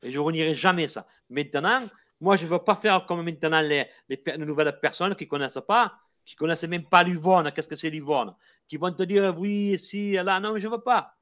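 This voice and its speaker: A man's voice: a little high, a little fast, a bit bright. An older man from Marseille with a Marseille accent, a football supporter talking passionately and repeating himself in a casual chat.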